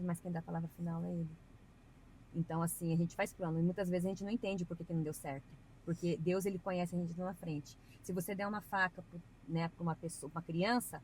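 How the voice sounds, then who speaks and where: A woman's voice: fairly low pitch, a little mellow, a little hiss or hum, low-quality recording. A woman guest on a podcast, talking earnestly and at length about her faith in a casual, chatty way with preachy asides. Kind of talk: casual testimony.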